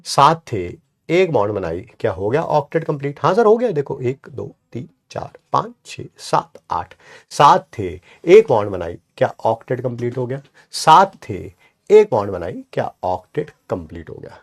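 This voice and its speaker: Lively encouraging male chemistry teacher. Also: medium pitch, moderate pace. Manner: encouraging, answers his own questions in students' voice; counts aloud while pointing at the board. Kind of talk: online class lecture.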